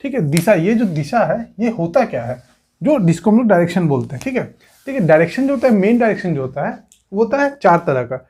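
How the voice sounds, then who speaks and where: A man's voice: sits high, very animated, quick pace, a little mellow, slightly rough. A male coaching teacher explaining at a whiteboard, who keeps saying "theek hai" and puts rhetorical questions to his students. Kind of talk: exam coaching lesson.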